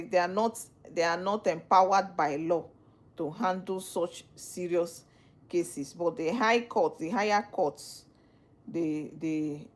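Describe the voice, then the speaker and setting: A woman's voice: mid-range voice, darkish tone. A woman with a Nigerian accent, a lawyer talking on a live stream, who explains with earnest repetition. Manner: earnest, repeats phrases while explaining. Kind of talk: live-stream talk answering viewers.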